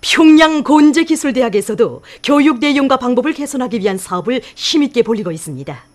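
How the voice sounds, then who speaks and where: Female news narrator, North Korean accent, fairly high voice, formal scripted delivery. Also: lively intonation, brisk, a little mellow.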